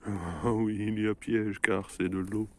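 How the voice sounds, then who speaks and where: A man's voice: lowish voice, fairly even intonation, measured pace, darkish tone. A man vlogging outdoors in a snowy forest, joking with viewers in a mock-formal explorer manner. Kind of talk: playful mock-explorer commentary. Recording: noisy outdoor recording.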